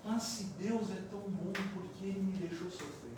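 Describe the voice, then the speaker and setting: A man's voice: sits high, fairly even intonation, moderate pace, dark tone, recorded from a distance, slight background noise, close to an everyday voice. A man voicing a vengeful, suffering male spirit, pleading, in an echoey hall. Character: hateful, grieving male spirit seeking revenge.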